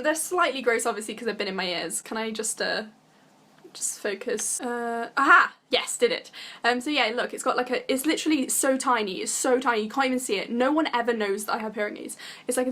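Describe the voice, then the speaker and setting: A woman's voice: a little high, a bit bright. A young woman from Britain chatting casually to camera as a vlogger, giggly and full of fillers. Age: young adult. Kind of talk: casual vlog talk to camera.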